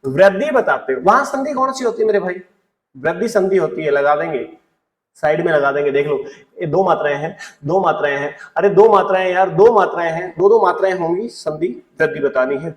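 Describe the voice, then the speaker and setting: A man's voice: on the high side, expressive, brisk, roomy sound, distant mic. A man teaching a Hindi grammar lesson for exam prep. He repeats key points, asks questions and answers them himself, and jokes with students. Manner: playful banter, acts out student questions.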